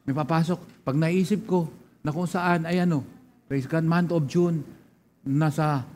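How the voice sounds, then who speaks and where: Male Filipino pastor, emphatic sermon delivery, somewhat high pitch, faint room hum behind. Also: steady tone, a little slow. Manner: emphatic preaching, repeats key lines, loud scripture reading; frequent murmured "praise God" interjections.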